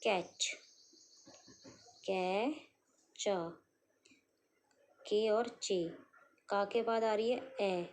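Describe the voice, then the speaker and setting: A woman teaching shorthand step by step, sounding out syllables slowly and answering her own questions. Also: fairly high pitch, a little mellow, a little hiss or hum. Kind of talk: step-by-step lesson.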